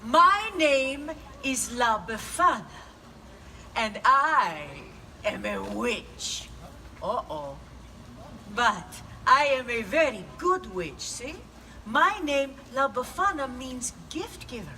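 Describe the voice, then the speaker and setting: A woman's voice: a little high, very animated, slow, sharp tone, recorded from a distance, slight background noise, full character voice. A woman playing a kindly old Italian witch who brings gifts, with an Italian accent, telling a story to children and coaxing answers from them. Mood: playful coaxing. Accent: Italian (put on). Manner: theatrical, coaxing, asks the audience questions. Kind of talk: live in-character storytelling.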